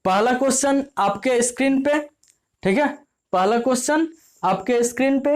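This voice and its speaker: Chatty woman teacher, slightly high voice. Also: moderate pace. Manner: repeats "ठीक है" often, asks and answers own questions. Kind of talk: casual classroom explanation.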